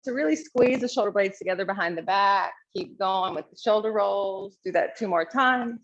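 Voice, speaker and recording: A woman leading a yoga class, calmly and encouragingly cueing each pose and stretch. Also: mid-range voice, normal speed, muffled recording. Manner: calm, encouraging cueing of poses. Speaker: yoga instructor. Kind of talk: guided yoga class instruction.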